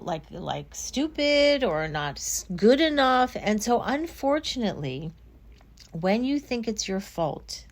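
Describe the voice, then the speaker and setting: Speaking at a medium pitch, a middle-aged female therapist walks through self-blame with ordinary, everyday examples. Her tone stays calm and the podcast conversation feels reflective.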